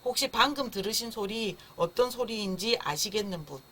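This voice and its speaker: A woman's voice: mid-range voice, animated, moderate pace, fairly bright tone, a little hiss or hum. A woman teaching a live online parenting class in a friendly, explanatory way, at times imitating the sound of a baby crying. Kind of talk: live-streamed online lecture. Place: indoor room, streaming live.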